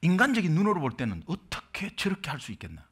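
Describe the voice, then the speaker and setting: A man's voice: fairly high pitch, wildly swooping pitch, fast, fairly bright tone, husky. A middle-aged man from Korea, a pastor preaching an impassioned sermon full of rhetorical questions.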